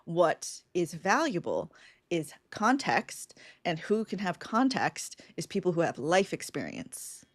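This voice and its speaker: A woman co-hosting a live podcast thinks aloud casually in a brainstorm, using lots of fillers. Her voice is lowish and very animated, though her pace is slow, and there's no echo.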